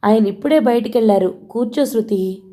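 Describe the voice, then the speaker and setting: A woman narrator voicing a calm middle-aged mother-in-law who speaks slowly and gently but firmly. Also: a little high, lightly acted. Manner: calm, slow, gently firm.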